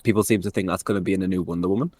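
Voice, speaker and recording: A man co-hosting a casual podcast, talking fast and acting out lines he quotes. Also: sits low, dry recording. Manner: animated, swearing, acts out quotes. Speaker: podcast co-host. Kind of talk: casual chat.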